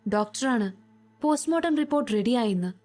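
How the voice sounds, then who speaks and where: A woman's voice: fairly high pitch, lively intonation, fast, dark tone, soft background music, close to an everyday voice. A woman voicing an eager, urgent young male investigator in a storybook reading.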